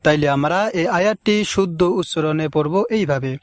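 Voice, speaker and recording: A man teaching recitation, stretching each word slowly and repeating it, with quicker explanations between. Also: on the high side, no room sound, clean studio sound. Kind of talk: recitation lesson.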